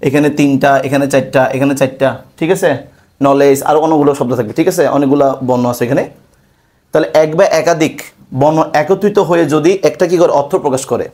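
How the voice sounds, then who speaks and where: A male English teacher with a Bangladeshi Bengali accent, giving a classroom lesson. He keeps asking questions and answering them himself, and he slows down to repeat key words. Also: on the high side, a little mellow.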